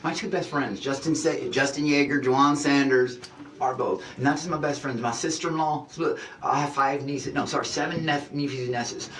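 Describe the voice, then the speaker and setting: A man's voice: mid-range voice, steady tone, moderate pace, a bit bright, echoey room, distant mic, slight background noise, poor audio. A man in a reality show, apologizing in a flustered, rambling way, full of restarts and stumbles. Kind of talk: emotional apology conversation.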